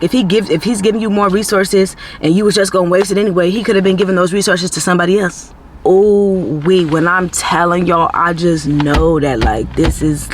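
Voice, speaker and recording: A man speaks to his viewers in an earnest, sermon-tinged vlog about self-improvement. His voice sits a little high for a man, and he talks in a loose, conversational way, leaning on "like" and "you know". A faint hiss of background noise runs under the talk. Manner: earnest, preachy, heavy on "like" and "you know", faith-based. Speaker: self-growth vlogger. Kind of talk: casual motivational talk to camera.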